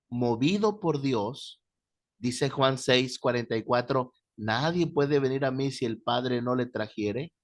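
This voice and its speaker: A man teaching a Bible class, telling stories with lively, animated delivery. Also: mid-range voice. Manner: animated storyteller, shouting out quoted voices. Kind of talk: classroom lecture with storytelling.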